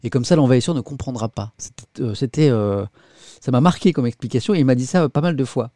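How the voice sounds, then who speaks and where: Male live-stream host, warm and mellow tone, dry close sound, chatty, self-mocking. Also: medium pitch, fast talker, dry recording. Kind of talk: casual live-stream chat.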